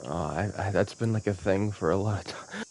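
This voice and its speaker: A man's voice: low voice, fairly quick, creaky, darkish tone, a little hiss or hum. A man giving casual, rambling gameplay commentary as a let's play host, full of fillers and easy laughs.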